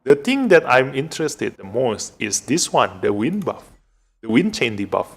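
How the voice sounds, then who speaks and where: A game streamer from Indonesia, a man with an Indonesian accent, talks through his live play casually and haltingly while working things out aloud. His medium-pitched voice is slightly rough and swings widely in pitch.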